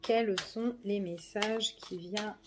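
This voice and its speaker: A woman's voice: medium pitch, fairly even intonation, takes it slowly, noisy background. A woman giving a casual general tarot reading, chatty and full of fillers, often checking in with the listener. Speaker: tarot card reader.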